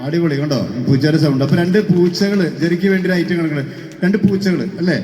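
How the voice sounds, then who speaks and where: A man hosting a mimicry act on stage, teasing the audience with quick questions. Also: fairly high pitch, darkish tone, a little hiss or hum. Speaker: stage mimicry artist and host. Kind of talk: lively stage chat with the audience. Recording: echoey hall with faint music.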